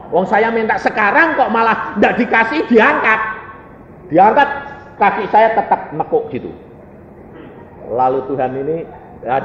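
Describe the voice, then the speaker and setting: A man with a Javanese accent preaching a sermon as an evangelist, telling stories in an animated, playful way. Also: on the high side. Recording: echoey hall, slightly dull, faint noise.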